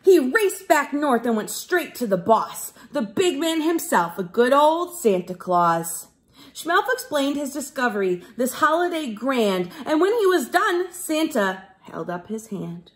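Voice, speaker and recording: A teacher with a high voice reads unhurriedly to a group of young children, telling the story with expression and putting things in simple words.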